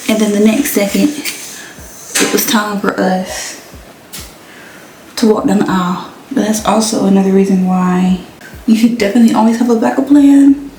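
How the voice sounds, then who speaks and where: A woman's voice: mid-range voice, steady tone, moderate pace, long pauses, mellow, slight background noise. A young woman chatting casually to her viewers, full of slang, talking straight to the camera. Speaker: vlogger. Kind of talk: casual chat. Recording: echoey room, mic at a distance.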